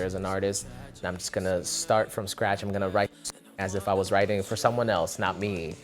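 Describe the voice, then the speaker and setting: A young Russian musician with a fairly low voice chats casually in an interview, relaxed and rambling, with plenty of filler words.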